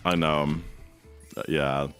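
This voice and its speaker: A man's voice: a bass voice, level tone, slow, a bit bright, soft background music. A man streaming a speedrun, chatting casually and rambling with lots of fillers while he reads and answers his chat.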